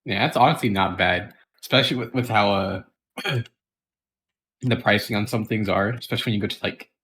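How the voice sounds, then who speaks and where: A woman making short, halting, laid-back remarks in a casual chat with friends. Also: rumbling low, a bit bright, slight background noise.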